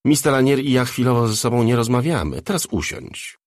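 A man's voice: mid-range voice, expressive, brisk, dry recording, clean studio sound, voice pushed up, lightly acted. A man voicing a tall, flamboyant male hairdresser who scolds fondly and speaks of himself in the third person. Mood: gossipy.

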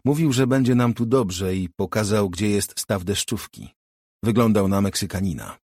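Anxious young woman, read by a husky-voiced man. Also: fairly low pitch, expressive, normal speed, dry recording, studio quality. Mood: uneasy. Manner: trembling, soft-spoken. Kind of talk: audiobook character voice.

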